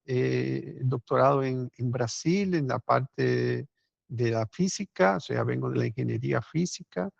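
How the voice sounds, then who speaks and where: A man from Cuba with a Cuban accent softened by years in Brazil, a company founder giving a conversational webinar presentation over a remote call, often adding tag questions. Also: medium pitch, a little slow, creaky, breathy edge, dry recording, highs cut off. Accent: Cuban Spanish softened by years in Brazil. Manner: conversational, frequent tag questions, some restarts. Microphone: remote video call.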